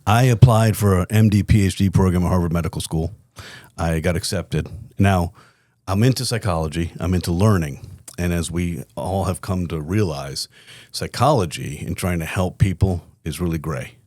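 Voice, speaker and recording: Middle-aged male guest, very low voice, candid reflective storyteller, dry close recording. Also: normal speed, a little mellow, no echo. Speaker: podcast guest, company CEO. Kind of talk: casual interview storytelling.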